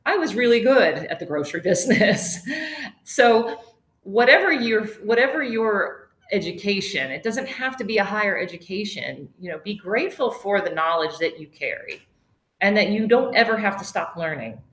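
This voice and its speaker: A woman's voice: mid-range voice, very animated, moderate pace, fairly bright tone. Chatty middle-aged woman, roomy echo. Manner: chatty, digressive, laughs often. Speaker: yoga instructor and webinar host. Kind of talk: casual webinar talk.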